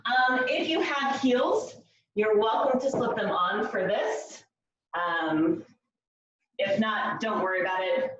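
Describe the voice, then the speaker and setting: A woman's voice: mid-range voice, slow pace, a bit bright, a little hiss or hum. A woman leading a floor workout class, giving step-by-step cues in an encouraging coaching manner while she demonstrates. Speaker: fitness class instructor. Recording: very echoey room, distant mic, slightly dull.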